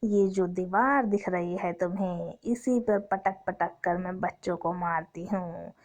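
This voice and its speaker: A woman's voice: on the low side, measured pace, darkish tone. A woman voicing a bloodthirsty witch who eats children, gloating with a cackling menace in a doll story. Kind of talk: doll story play-acting.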